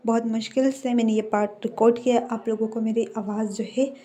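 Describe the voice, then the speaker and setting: Soft-toned woman narrating a story. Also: a little high, steady tone, a little fast. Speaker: fan fiction narrator. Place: several different rooms at home.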